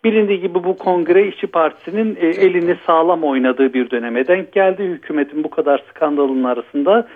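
A man's voice: fairly high pitch, brisk, few pauses. Man on a tinny phone line. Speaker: phone-in guest commentator. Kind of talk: political commentary by phone.

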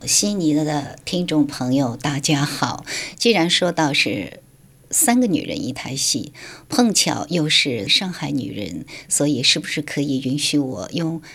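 A woman's voice: low-pitched, sing-song, a little slow, gravelly, a bit bright, slightly rough. A woman writer from Shanghai, guest on a radio interview, explaining her views in an articulate, lecturing way.

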